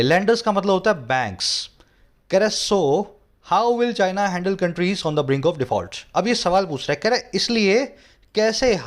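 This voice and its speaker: A man with an Indian English accent teaching English from a newspaper editorial, explaining each word and checking that his students follow. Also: high-pitched. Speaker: English tutor. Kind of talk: editorial reading lesson.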